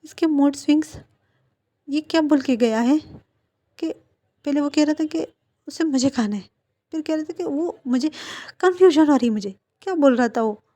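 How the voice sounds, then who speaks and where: A woman's voice: fairly high pitch, moderate pace, dark tone, no echo, lightly acted. A woman voicing a doting, teasing young man who coaxes his partner patiently. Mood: exasperated. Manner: coaxing, patient.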